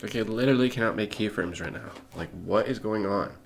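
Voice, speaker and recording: A man's voice: fairly low pitch, fast talker, gravelly. A man live-streaming his 3D work, frustrated and tired from too little sleep, muttering to himself and talking to his chat. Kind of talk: casual live-stream commentary while working.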